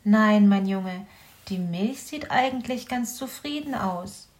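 A woman's voice: mid-range voice, animated, slow pace, a little mellow. A woman voicing a fussy, motherly hedgehog mother who snuffles between her words, in a children's audio story. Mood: gentle.

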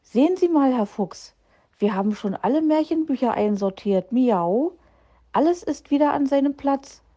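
Woman putting on a little tomcat kid, high, meowing, eager, dull storybook recording. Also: expressive, normal speed. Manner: bright, meows between words. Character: cheeky clever little tomcat child.

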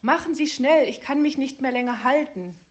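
A woman's voice: medium pitch, lively intonation, normal speed, lightly acted. A woman reading a storybook and voicing a small, whiny young male bird. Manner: whiny, complaining.

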